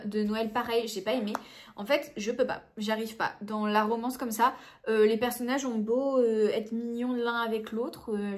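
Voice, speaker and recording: Chatty young French woman, filler-heavy. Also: fairly high pitch. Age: late 20s. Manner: chatty, thinking aloud with many fillers. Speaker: book vlogger. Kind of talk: casual chat to camera.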